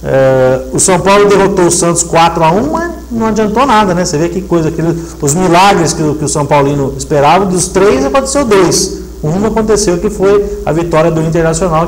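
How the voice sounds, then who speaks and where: A man's voice: a little high, slight background noise, rough recording. A middle-aged man hosting a sports show, chatting and reading match results steadily. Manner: steady, reads lists of results. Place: TV studio set. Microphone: lapel mic.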